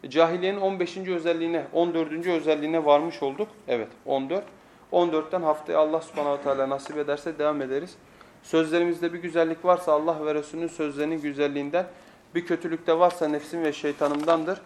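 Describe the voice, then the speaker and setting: A man with a notably high voice delivers a religious sermon. He teaches in an emphatic way, restating phrases for weight and asking rhetorical questions that he then answers. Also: flat delivery, fast, darkish tone. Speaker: preacher giving a weekly religious lesson. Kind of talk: sermon, Islamic religious lecture.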